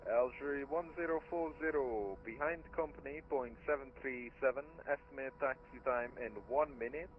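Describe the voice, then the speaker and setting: A man's voice: medium pitch, moderate pace, slight background noise. Man giving terse radio updates, tinny line. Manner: clipped, procedural phrasing. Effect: radio transmission. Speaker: air traffic controller. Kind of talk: terse radio update, online flight simulation ATC.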